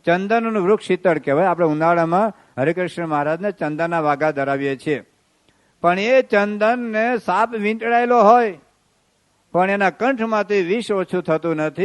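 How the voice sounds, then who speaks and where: A man giving a devotional sermon as a swami, telling stories and breaking into sung verses. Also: high-pitched. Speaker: swami giving a religious discourse.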